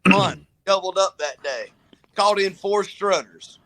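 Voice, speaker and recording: A man from Alabama with an Alabama accent, a land manager speaking plainly with halting fillers. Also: sits high, a bit bright, slight background noise. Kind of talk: casual podcast chat.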